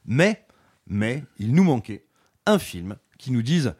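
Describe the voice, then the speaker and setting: A man talking casually as a film critic, mocking and lively, often slipping into comic impressions. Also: medium pitch, takes it slowly, breathy edge. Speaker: film critic podcast host. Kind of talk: casual film review chat.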